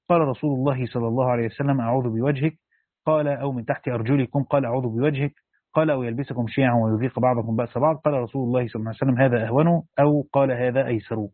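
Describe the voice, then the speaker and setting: A man's voice: mid-range voice, no echo. An Egyptian man reading a religious commentary aloud, breaking into casual explanatory asides. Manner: switches from formal reading to colloquial explaining. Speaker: audiobook reader and explainer. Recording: tinny phone-like dry recording.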